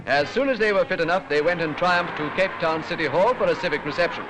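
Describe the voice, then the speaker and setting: Man, British accent, 1940s newsreel narration, raised pitch, declamatory, clear background music. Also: fast, poor audio. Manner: formal, rhetorical, declamatory delivery.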